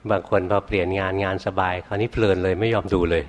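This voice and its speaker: An older male monk teaching meditation, with a somewhat low voice. He speaks calmly and without hurry, and softens his phrases as he answers questions one after another. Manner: calm, unhurried, ends phrases with a soft particle; hard of hearing.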